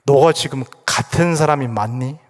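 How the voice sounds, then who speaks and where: 남성 목사가 옮기는 점잖게 타이르는 하나님. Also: male voice, mid-range voice, normal speed, in a large hall, lightly acted. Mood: gentle rebuke. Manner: gentle, questioning, reasoning. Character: God, calm patient questioning father.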